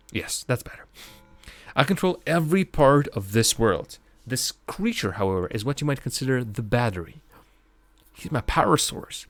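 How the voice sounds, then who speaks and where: A man's voice: mid-range voice, lightly acted. Man playing pompous, theatrical game villain over music. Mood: gloating, menacing. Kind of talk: reading game dialogue in character.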